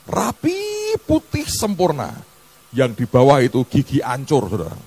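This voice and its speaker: A man preaching. His casual sermon rises into loud, sung-out peaks and drops to quiet low asides as he talks straight to his listeners. His pitch sits in an ordinary middle range for a man. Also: wildly swooping pitch, normal speed, slightly rough. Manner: casual colloquial preaching that keeps calling out "saudara". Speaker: pastor.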